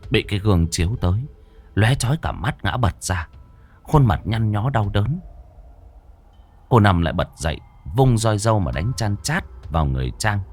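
A man narrating a horror story in a dramatic, expressive storytelling manner. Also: on the low side.

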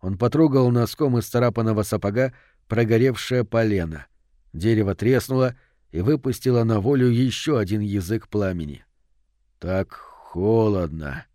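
A man narrating an audiobook in a measured, suspenseful way. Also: on the low side, dark tone, dry recording, clean studio sound.

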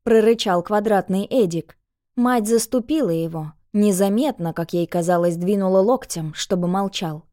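A woman narrating an audiobook in a calm, even storytelling voice. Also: medium pitch, normal speed.

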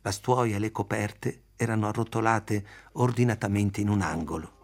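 Man reading a novel aloud, measured. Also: lowish voice, fairly even intonation, creaky, faint music behind. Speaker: audiobook reader. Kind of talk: literary audiobook narration.

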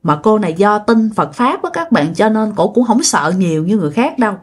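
A woman's voice: medium pitch, very animated, a little fast. A woman narrating a ghost story in a conversational way, speaking directly to her listeners.

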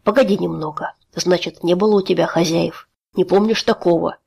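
A woman voicing a tired, secretive young man who speaks quietly and cuttingly. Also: fairly low pitch, fairly even intonation, fairly quick, creaky, breathy edge. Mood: weary.

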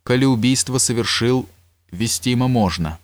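A man reading an audiobook, voicing a gruff male court favorite who speaks curtly and irritably. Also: medium pitch, normal speed, natural voice. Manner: curt, irritable, mocking.

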